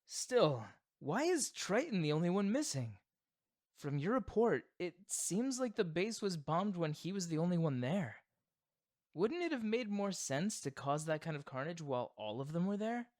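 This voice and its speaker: A man voicing a proud, theatrical supervillain boyfriend who is secretly doting, in an expressive ASMR roleplay. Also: high voice, normal speed. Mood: pondering.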